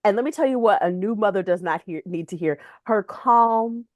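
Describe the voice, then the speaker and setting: A woman co-hosting a podcast, telling funny stories in casual chat, animated and laughing often. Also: mid-range voice, normal speed, dry recording, studio quality. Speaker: podcast co-host.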